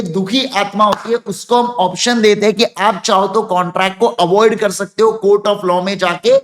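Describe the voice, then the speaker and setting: A man from India teaching law to a class, telling a story with lively call-and-response questions and acting out voices. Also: sits high. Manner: acts out students' lines and crying in put-on voices. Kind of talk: classroom lecture.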